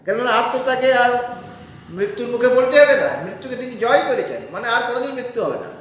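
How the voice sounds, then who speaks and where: High-voiced man teaching scripture, very echoey. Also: expressive, fairly bright tone, slight background noise. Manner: explains slowly, asks listeners rhetorical questions. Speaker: Vedanta teacher. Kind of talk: scripture class discourse. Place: spiritual society hall. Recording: heavy echo in a hall.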